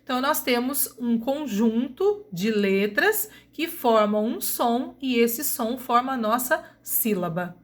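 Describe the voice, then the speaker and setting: A woman teacher with a Brazilian Portuguese accent giving a recorded grammar lesson, slowly and deliberately spelling out sounds. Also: on the high side, expressive.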